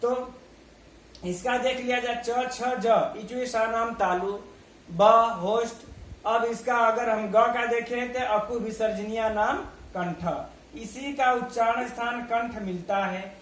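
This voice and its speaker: High-voiced man teaching slowly in an echoey room. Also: steady tone, a bit bright. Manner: slow, methodical, recites letters one by one, asks and answers his own questions. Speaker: Sanskrit grammar teacher. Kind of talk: online video lesson.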